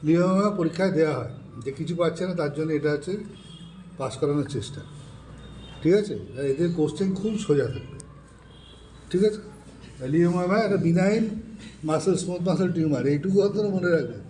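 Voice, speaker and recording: A man's voice: on the high side, fast, pauses often, mellow. A man teaching students about pathology specimens in an informal session, explaining step by step and often checking that they follow. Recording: distant mic with faint background noise.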